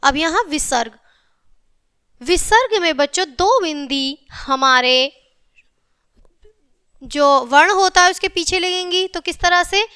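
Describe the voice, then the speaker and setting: A woman with a high, bright voice teaches children a grammar lesson. She spells out letters piece by piece at a careful pace and keeps checking in with the class. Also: expressive. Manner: spells out letters slowly, often says "theek hai".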